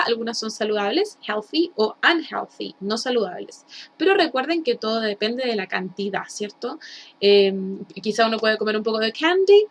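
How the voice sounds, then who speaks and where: A woman with a Chilean Spanish accent teaching English in a recorded lesson, explaining slowly and having students repeat words. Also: fairly high pitch.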